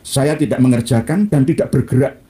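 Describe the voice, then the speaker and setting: Medium in pitch, quick and mellow in tone, a male cleric with a Javanese Indonesian accent delivers an informal Islamic lecture in which he reads and critiques a book. He's satirical throughout, using rhetorical questions and mixing in Arabic quotes.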